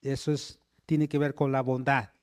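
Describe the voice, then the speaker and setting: A man's voice: medium pitch, flat delivery, normal speed, a little mellow, dry recording, studio quality. A man preaching a sermon, often checking in with the congregation and calling for amens.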